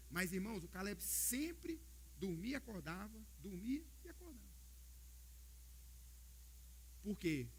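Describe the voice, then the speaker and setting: A Brazilian man preaching a sermon as pastor, telling stories in an animated way and often calling out to the brothers in the congregation. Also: high-pitched, a little hiss or hum. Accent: Brazilian Portuguese. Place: church service.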